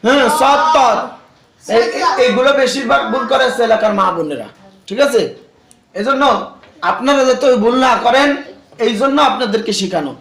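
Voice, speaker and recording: A man's voice: very high-pitched, animated, moderate pace, a bit bright. A man teaching Quran letter pronunciation, asking questions and repeating sounds for a class to echo. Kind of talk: classroom call-and-response drill. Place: classroom with students. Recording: echoey room with a class around.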